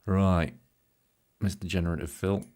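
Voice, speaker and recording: His low voice is a little mellow, fairly even in intonation and unhurried. The speaker is a middle-aged British man with a British English accent, hosting a casual live stream from a home studio room, editing photos, joking and naming viewers as he greets them, and sounding a bit tired.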